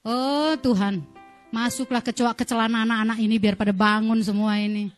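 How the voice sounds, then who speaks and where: A middle-aged woman pastor preaching a fervent sermon in a church, dropping to hushed prayer and rising to loud exhortation. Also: fairly high pitch, little pitch movement, fast, faint music behind.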